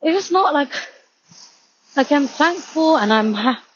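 A high-voiced woman in her twenties, with lively intonation and a slightly slow pace, rambles in a walk-and-talk vlog, out of breath as she walks home outdoors from a station and using "like" heavily. The highs are cut off, and there's a little hiss or hum.

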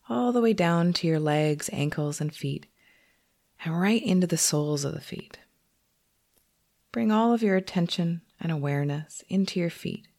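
A female meditation teacher with a lowish voice talks listeners through a guided meditation, gentle and unhurried, pausing at length.

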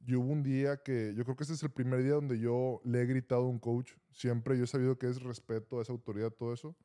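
Brief: Mexican man, co-host, animated storyteller, mid-pitched, casual slang. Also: quick pace. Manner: animated, slangy, says vato often. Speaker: podcast co-host.

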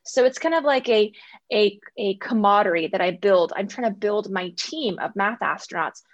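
A woman's voice: medium pitch, moderate pace, dry recording, highs cut off. A young adult woman guest, a math coach, speaking in a casual interview with an enthusiastic, earnest manner.

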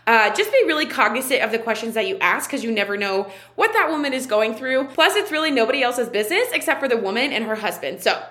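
A woman's voice: fairly high pitch, animated, fast, hardly any pauses, a bit bright. A woman in her twenties hosting her own podcast, talking in a chatty, candid way with frequent fillers. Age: 20s. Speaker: podcast host and online wellness coach. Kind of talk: casual solo podcast talk.

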